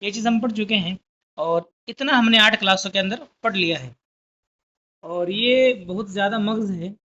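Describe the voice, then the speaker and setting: A woman's voice: medium pitch, a bit bright. A woman teaching a lesson at a careful pace, sounding out letters and words one at a time. She keeps stopping to check that her students follow. The recording is a little dull and lo-fi. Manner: slow, deliberate letter-by-letter explaining with frequent checks. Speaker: Urdu teacher. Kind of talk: classroom lesson.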